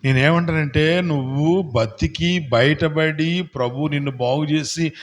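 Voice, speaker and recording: A man preaching as a pastor, questioning the congregation and building to loud calls for hallelujah. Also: fairly high pitch, unhurried. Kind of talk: sermon.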